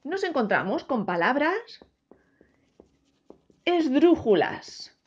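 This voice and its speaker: Lively teacher, muffled sound. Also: female voice, high voice. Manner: clear, drawn-out syllables for teaching. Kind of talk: explaining a Spanish grammar lesson. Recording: dull lo-fi sound.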